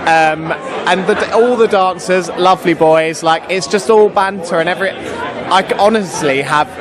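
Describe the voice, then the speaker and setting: A man's voice: high voice, moderate pace, a crowd in the background. A young British man, an actor, chatting casually and enthusiastically in an interview. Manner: enthusiastic, gushing. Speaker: pantomime actor and singer.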